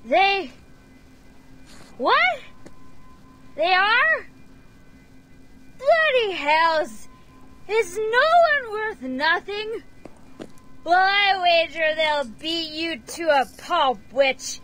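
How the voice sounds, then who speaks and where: A performer voicing a bitter, tipsy mercenary leader in a fantasy game. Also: female voice, very high-pitched, expressive, extremely slow, long pauses, fairly bright tone, faint music behind, full character voice. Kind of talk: game voice acting.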